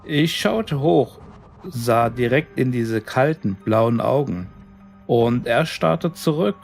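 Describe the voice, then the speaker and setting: Slow, gravelly male storyteller. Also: medium pitch, expressive, faint music behind. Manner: deliberate, suspenseful, dramatic delivery. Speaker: storyteller, narrator. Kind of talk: scripted first-person horror story narration.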